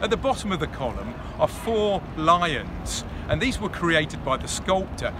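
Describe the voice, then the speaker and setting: A man's voice: a little high, very animated, measured pace. A man in his thirties leading an architecture walking tour, explaining buildings in an informative storytelling way while standing outdoors in a busy city square, filmed on a camera held close. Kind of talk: outdoor guided tour narration. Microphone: handheld camera at close range. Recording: outdoor street with traffic noise.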